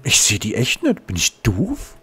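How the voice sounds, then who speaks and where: A man's voice: fairly low pitch, wildly swooping pitch, unhurried, pushed and bright, a little hiss or hum. A man commenting on his gameplay, exasperated and swearing, talking to his viewers. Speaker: let's play host.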